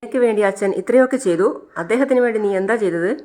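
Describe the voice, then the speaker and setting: An anxious middle-aged mother, as a woman storyteller puts her on, scolding and pleading by turns in a lowered, quieter voice. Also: quick pace, lightly acted.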